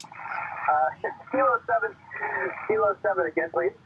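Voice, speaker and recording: A man's voice: high-pitched, unhurried, phone-quality sound, background noise. A man operating a ham radio contest station, heard through a radio receiver speaker, calling out clipped phonetic call signs. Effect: heard over a ham radio receiver speaker.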